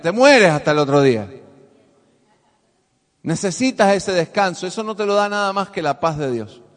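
A male pastor preaching a sermon to his congregation, swinging from soft asides to loud emphasis and calling for responses. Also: high-pitched. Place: church hall with congregation. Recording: long hall reverb.

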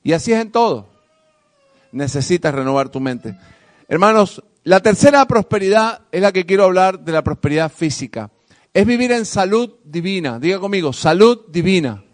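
High-voiced man preaching in a reverberant hall. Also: lively intonation, moderate pace. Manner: preaching with call-and-response, swinging from soft asides to loud emphasis. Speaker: pastor. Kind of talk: sermon. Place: church hall with congregation.

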